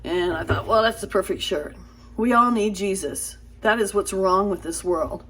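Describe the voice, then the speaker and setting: A woman hosting her own small channel, talking earnestly to camera in a casual, halting way, tripping over her words with fillers and restarts. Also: mid-range voice, a bit bright, slight background noise. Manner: earnest, pleading.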